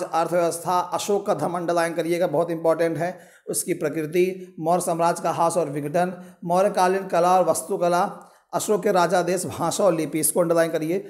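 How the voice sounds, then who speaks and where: A man's voice: on the high side, a little mellow. A male teacher walking students through an exam syllabus, answering his own questions and telling them what to underline. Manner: explains with rhetorical questions and repeated reminders to underline. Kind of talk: syllabus walkthrough lecture.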